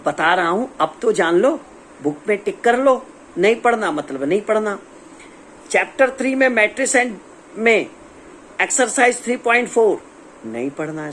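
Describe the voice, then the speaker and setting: Chatty Indian maths teacher. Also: male voice, sits high, fairly bright tone, slight background noise. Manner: chatty, teasing, voices students' questions himself. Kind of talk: casual exam-prep lesson.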